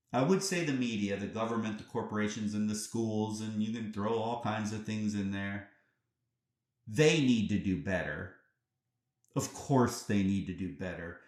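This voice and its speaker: A man's voice: lowish voice, darkish tone, reverberant. A man hosting a podcast, giving an earnest reflective monologue full of rhetorical questions and emphatic turns. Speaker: podcast host.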